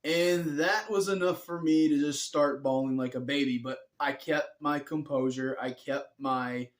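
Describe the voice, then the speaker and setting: A man's voice: fairly high pitch, fairly even intonation, unhurried. A tired young man telling a personal story in a rambling, earnest way, often correcting himself. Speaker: vlogger.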